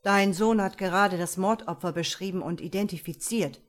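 A woman's voice: medium pitch, moderate pace, close to an everyday voice. A woman reading an audiobook, voicing a hesitant, protective middle-aged father.

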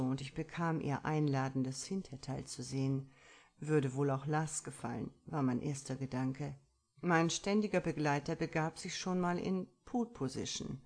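A woman reading a first-person story aloud in a measured, expressive storytelling manner. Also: low-pitched. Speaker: audiobook reader.

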